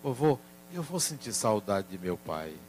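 A man voicing his sad four-year-old grandson in a soft, halting, tearful way, in a spoken story. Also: fairly low pitch, sing-song, a little hiss or hum, voice pushed down.

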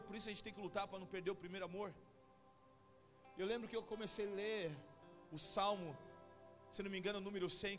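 A pastor with a São Paulo Brazilian accent preaching a testimony sermon, telling his story with rising intensity. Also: high-pitched. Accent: Brazilian Portuguese, São Paulo. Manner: storytelling, building to shouting. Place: church conference hall. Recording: live hall with long reverb and music.

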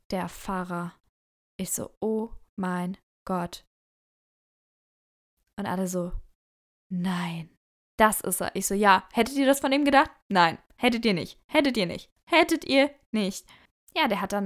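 A young woman hosting a podcast, casually telling a dating story to her listeners and acting out both sides of the dialogue. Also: mid-range voice. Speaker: podcast host.

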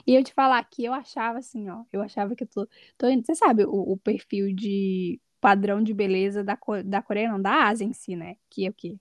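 A woman guest on a podcast, telling her stories in a casual, lively way and laughing often. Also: mid-range voice, brisk, few pauses, no room sound. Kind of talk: casual conversational storytelling.

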